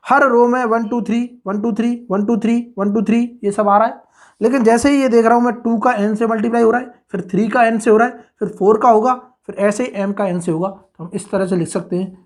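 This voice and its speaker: A woman tutor walks through a math problem at the board in a lecture voice of ordinary pitch. She mixes English terms into her explanations, poses questions and answers them herself, and keeps checking whether everyone is following. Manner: keeps asking the class if it is clear, answers own questions. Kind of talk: exam-prep blackboard lecture.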